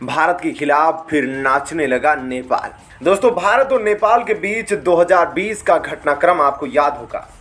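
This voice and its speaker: A man's voice: fairly high pitch, animated, a little slow, a bit bright. A man narrating news commentary in an emphatic, dramatic style, often addressing his viewers as friends.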